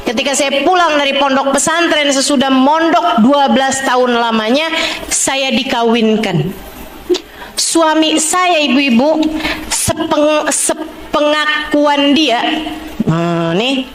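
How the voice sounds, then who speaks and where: A woman's voice: high voice, measured pace, pauses often, a little hiss or hum. A female religious teacher giving a chatty, humorous sermon to a women's gathering, talking straight to her listeners. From Indonesia. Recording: echoey hall.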